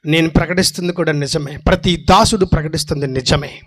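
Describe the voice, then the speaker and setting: A man preaching a sermon, firing rhetorical questions and swinging between loud, forceful lines and soft, low asides. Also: fairly quick. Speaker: pastor.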